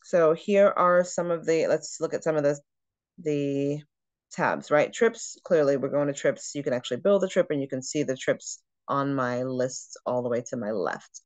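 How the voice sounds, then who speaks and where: A woman who trains travel agents, giving a chatty screen-share walkthrough of software and thinking aloud as she clicks through it. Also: sits low, moderate pace, no room sound.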